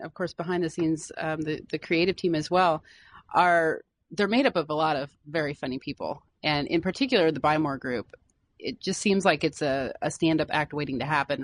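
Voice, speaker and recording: A woman interviewing an actor in a chatty, enthusiastic way. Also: low voice. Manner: chatty, enthusiastic fan questions. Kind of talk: casual interview chat.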